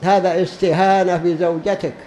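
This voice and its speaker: A man's voice: sits high, little pitch movement, moderate pace, warm tone, slight background noise, rough recording. A man preaching a religious lesson to a gathering, emphatic and repeating key phrases for stress. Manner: drawls words out when demonstrating pronunciation.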